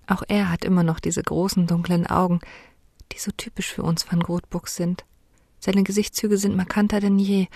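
Hushed woman reading a storybook. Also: on the low side, dry recording. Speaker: audiobook narrator. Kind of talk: first-person storybook narration.

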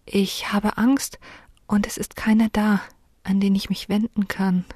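A woman narrating a story in the first person, in a hushed voice that often sinks near a whisper. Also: mid-range voice, flat delivery, a little slow, breathy edge, no room sound, clean studio sound. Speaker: audiobook narrator.

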